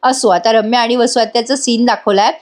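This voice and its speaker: A woman narrates a voice-over review of a TV serial episode in a chatty, teasing way. She talks straight to her viewers. Her voice sits fairly high. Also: steady tone, brisk.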